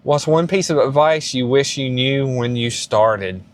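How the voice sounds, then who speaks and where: A man in his late thirties talks straight to the camera for his fitness channel. His voice sits at an ordinary middle pitch. He rambles and restarts often, but keeps pushing an encouraging message. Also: unhurried. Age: 30s. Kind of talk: casual advice vlog.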